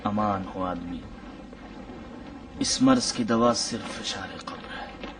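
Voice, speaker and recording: A man voicing a stern, devout commander in a dubbed historical drama, speaking in a grave, measured way. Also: lowish voice, a bit bright, far from the mic, slight background noise, close to an everyday voice.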